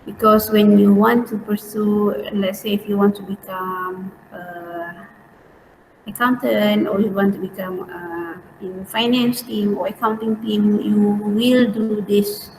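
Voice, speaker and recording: A woman's voice: medium pitch, little pitch movement, slow pace, a little mellow. A woman with a Malaysian accent teaching an informal online lesson step by step, in colloquial Malaysian English sprinkled with particles like lah and eh. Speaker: accounting teacher. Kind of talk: informal online lesson, talking through worked steps. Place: indoors, online class. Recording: roomy, distant mic, faint noise.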